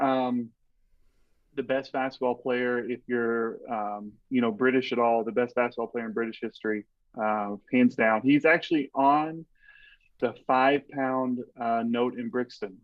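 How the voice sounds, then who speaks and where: Casual male podcast guest, mid pitch, rambling storyteller, muffled dry mic. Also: a little slow, no room sound. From Texas. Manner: rambling, lots of "like" and "you know". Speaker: podcast guest, strength coach.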